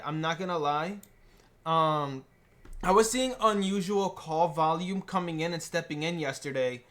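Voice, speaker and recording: A young man hosting a trading channel talks through his trades on a screen share in a loose, rambling way, full of restarts and fillers. His voice sits a little high for a man, and he chews gum while he talks. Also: fairly bright tone. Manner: chewing gum while talking.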